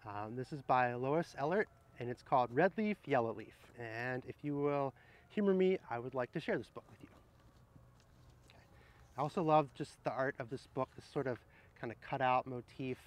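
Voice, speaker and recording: Seated under trees in an arboretum garden, a middle-aged horticulturist presents children's books through read-alouds and casual recommendations, addressing viewers directly in a gentle, explanatory style. He sounds animated, with a medium pitch and moderate pace.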